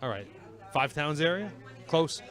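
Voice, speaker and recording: A man's voice: a little high, big pitch swings, measured pace, a bit bright. A man co-hosting a casual podcast, asking questions and making sarcastic jokes. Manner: wisecracking, sarcastic. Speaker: podcast co-host. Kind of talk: casual chat.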